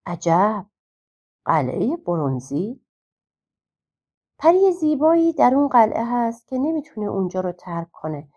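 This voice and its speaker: A woman's voice: on the high side, sing-song, pauses often, darkish tone, highs cut off, voice pushed up. A woman reading aloud voices a stern, imperious king who gives orders and threatens. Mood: commanding. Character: stern commanding adult male king.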